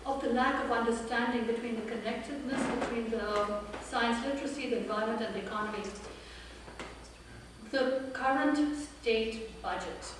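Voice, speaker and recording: A woman's voice: a little high, distant mic, noisy background. Woman in her fifties, echoey hall speech. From India and Pakistan. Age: 50s. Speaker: political candidate. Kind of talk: campaign speech. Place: forum room with an audience.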